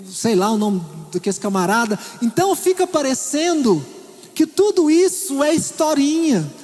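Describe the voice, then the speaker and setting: High-voiced Brazilian pastor preaching in a hall. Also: male voice. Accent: Brazilian Portuguese, Minas Gerais. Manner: conversational preaching, checks in with "tá?" and "né?". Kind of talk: sermon. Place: church hall. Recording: echoey church hall.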